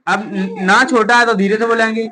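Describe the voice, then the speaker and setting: A woman's voice: a little high, fairly even intonation, normal speed, sharp tone, rough recording. A woman teacher, drilling children on vowel signs in a classroom and answering her own questions. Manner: drilling, asks questions and answers them herself. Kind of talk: children's Hindi phonics lesson. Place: coaching classroom.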